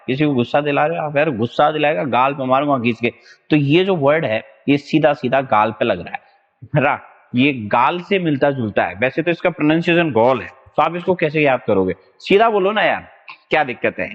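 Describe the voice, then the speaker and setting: Chatty male teacher with a catchphrase. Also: medium pitch. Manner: casual, repeats "right na" often, jokey memory tricks. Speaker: exam vocabulary teacher. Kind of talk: online lesson with whiteboard. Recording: dull, echoey lo-fi classroom recording.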